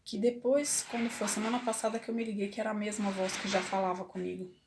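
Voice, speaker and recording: A woman telling a personal story to camera, emotional and halting with many restarts. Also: medium pitch, little pitch movement, noisy background. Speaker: vlogger. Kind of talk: personal confessional talk.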